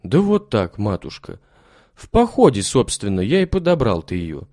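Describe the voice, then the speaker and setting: A man's voice: fairly low pitch, wildly swooping pitch, normal speed, warm tone, dry recording, clean studio sound, full character voice. A man voicing a timid, humble old soldier who talks meekly and gratefully in a storybook reading. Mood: reminiscing. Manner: meek, pious, grateful.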